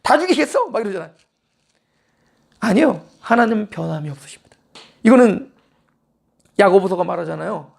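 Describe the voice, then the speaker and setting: Gravelly, husky-voiced male pastor. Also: high voice, moderate pace, pauses often, darkish tone. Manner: conversational preaching, mixing casual and polite speech, acting out quotes. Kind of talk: sermon. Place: church.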